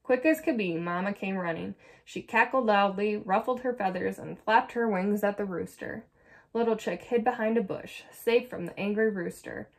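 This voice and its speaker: A young adult woman reading a children's picture book aloud with clear, soft storytelling narration. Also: medium pitch, moderate pace. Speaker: storybook reader.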